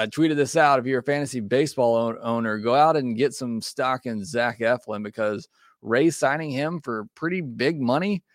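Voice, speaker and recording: A man's voice: medium pitch, no echo, clean studio sound. A man hosting a baseball podcast, giving casual, opinionated takes with frequent fillers. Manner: conversational, opinionated, many fillers. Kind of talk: casual sports talk.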